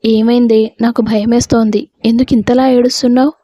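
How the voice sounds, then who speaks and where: A woman's voice: fairly high pitch, little pitch movement, a little fast, warm tone, no room sound, muffled recording, natural voice. A woman voicing an outspoken young woman friend who worries over her crying roommate. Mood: concerned. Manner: outspoken, teasing. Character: young woman, blunt caring hostel friend.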